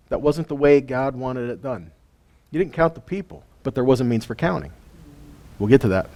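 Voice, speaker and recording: A weekly Torah study teacher, a man whose voice is dark in tone and on the high side, chats through a Bible lesson with a live group. He keeps it informal, asking questions and chuckling between points.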